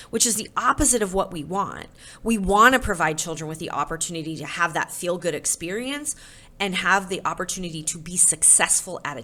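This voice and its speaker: Encouraging woman with a low voice. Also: sharp tone. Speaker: parenting educator. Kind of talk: recorded lesson talk.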